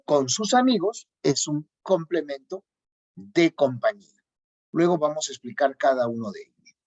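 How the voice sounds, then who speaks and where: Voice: mid-range voice, animated, normal speed, a little mellow. A teacher giving a grammar lesson, repeating key points and checking in with the students. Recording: dull lo-fi recording.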